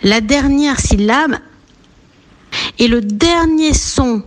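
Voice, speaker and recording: A woman teaching a radio lesson for young children, speaking gently with encouraging leaps in her voice. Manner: slow, gentle, lilting teacher voice with big pitch leaps to encourage. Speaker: preschool teacher.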